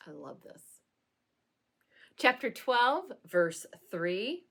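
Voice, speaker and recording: Slow-talking woman pastor, dry humor. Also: on the high side, sing-song, creaky, fairly bright tone, husky. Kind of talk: casual satirical vlog talk.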